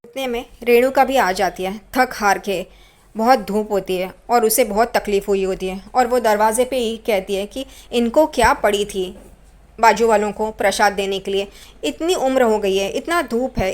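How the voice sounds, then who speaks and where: A woman's voice: fairly high pitch, normal speed. A woman casually retelling a TV serial episode in chatty storytelling, acting out the characters' lines. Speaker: TV serial recap narrator.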